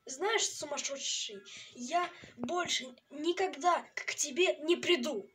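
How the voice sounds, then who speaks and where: Woman voicing a very high-pitched timid young patient. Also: takes it slowly, fairly bright tone. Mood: complaining. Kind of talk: amateur toy animation voice acting. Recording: noisy home recording with clicks.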